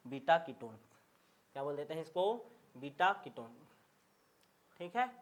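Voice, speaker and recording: A man's voice: on the high side, lively intonation, a little slow. A man teaching a chemistry lecture, drilling his class by asking each question twice and often checking they follow. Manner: call-and-response drilling, repeats questions and answers; emphatic, checks understanding often.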